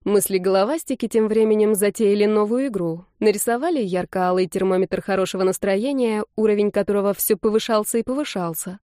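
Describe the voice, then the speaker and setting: A woman reading a first-person novel aloud in a lively, ironic storytelling manner. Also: mid-range voice, fairly quick, hardly any pauses, dry recording, clean studio sound. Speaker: audiobook narrator.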